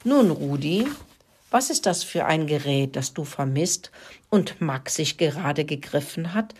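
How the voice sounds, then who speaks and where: A woman voicing a sly, stern tomcat in a storybook reading, hissing softly and menacing. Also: deep voice, lively intonation, unhurried, slightly rough, heavily acted.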